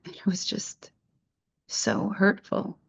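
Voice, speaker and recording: A middle-aged woman telling her own story in a halting, reflective way, often restarting her sentences. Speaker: interviewee sharing her story. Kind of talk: personal testimony.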